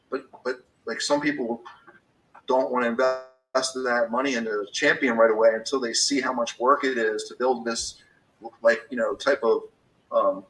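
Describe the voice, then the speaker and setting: A man's voice: mid-range voice, fairly bright tone, recorded from a distance, rough recording. A man in his fifties talking casually about business, rambling with many restarts and fillers. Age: 50s.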